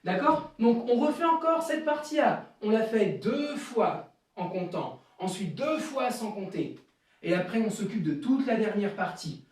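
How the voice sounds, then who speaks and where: A man teaching an online karate class, calling counts and kiai shouts between slow explanations. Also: sits high, very animated. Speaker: karate instructor. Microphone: camera at a distance. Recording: echoey room, voice far from the mic.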